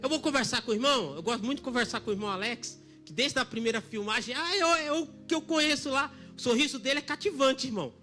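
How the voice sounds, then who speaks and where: Bright-voiced pastor preaching. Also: male voice, very high voice, fast, few pauses, faint music behind. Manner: emphatic preaching, drops to near whisper for quoted lines. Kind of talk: sermon. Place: church service.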